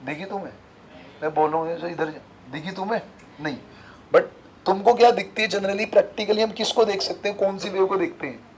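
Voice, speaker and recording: A man's voice: sits high, fairly even intonation, moderate pace, a little hiss or hum, low-quality recording. A man teaching a physics class, constantly asking his students questions and repeating the key terms. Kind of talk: classroom lecture.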